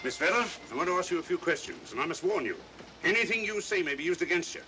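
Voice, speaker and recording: Blustering, high-pitched English inspector Lestrade. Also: male voice, lively intonation, quick pace, bright, forceful tone. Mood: officious. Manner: blustering, indignant, officious. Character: blustering, officious, excitable male British police inspector. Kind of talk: 1940s mystery film acting. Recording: noisy vintage film soundtrack.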